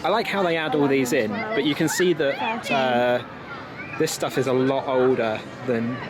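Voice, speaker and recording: A young adult British man with a mid-range voice talks a little slowly as he vlogs his travels. Camera held out at arm's length, he wanders outdoors around a packed theme park giving casual, improvised commentary. Heavy ambient noise and the chatter of the crowd surround him.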